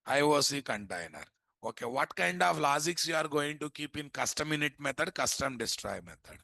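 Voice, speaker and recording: Bright, gravelly-voiced Indian male instructor. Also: fairly high pitch, animated, moderate pace, no room sound. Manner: prompting, repetitive, asks and answers his own questions. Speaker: programming instructor. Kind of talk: live lecture with repeated questions to students.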